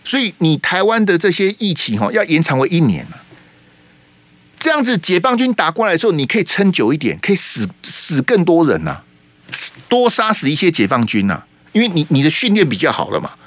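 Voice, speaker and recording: A man's voice: fairly high pitch, huge pitch swings, fairly quick, fairly bright tone, no echo. A man with a Taiwanese Mandarin accent hosting a political talk radio show, heated and emphatic, firing rhetorical questions at his listeners.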